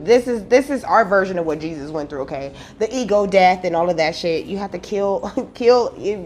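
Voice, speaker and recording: Woman, low voice, casual card reading, swears, faint background hum. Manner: casual, swears freely, says okay often. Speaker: spiritual card reader.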